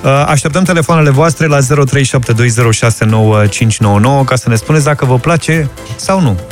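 A man's voice: mid-range voice, soft background music. A man hosting a morning radio show, greeting callers in an easygoing, joking manner. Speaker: radio host.

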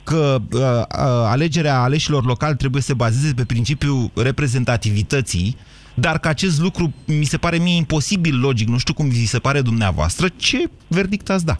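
A man's voice: medium pitch, lively intonation. A man hosting a call-in radio debate, pressing callers with direct questions. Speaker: radio talk show host.

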